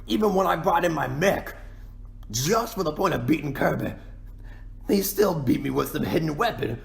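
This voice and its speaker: A man voicing a self-pitying, boastful cartoon penguin king in a folksy, rambling ASMR roleplay monologue, with a gravelly, creaky voice. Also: a little high, expressive, normal speed. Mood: glum, complaining.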